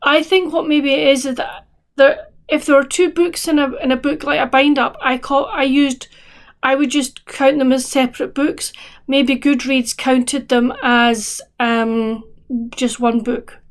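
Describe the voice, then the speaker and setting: A woman's voice: high-pitched, fairly even intonation, a little slow. A woman chatting casually as a book vlogger, rambling with restarts and fillers, sounding tired. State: tired, yawning. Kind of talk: casual chat to camera.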